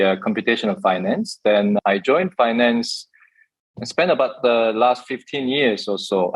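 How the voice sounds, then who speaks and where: A man's voice: fairly low pitch, no echo, low-quality recording. A man, raised in the UK, explaining things thoughtfully as a guest in an interview, with many small fillers. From Korea, raised in the UK. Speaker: guest, tech executive. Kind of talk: measured interview answers.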